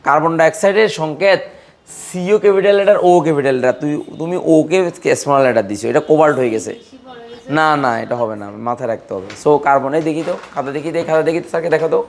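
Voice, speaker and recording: Fast-talking chemistry teacher drilling students. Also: male voice, a little high. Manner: repetitive, drilling students with questions; playful scolding of students. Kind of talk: classroom lecture.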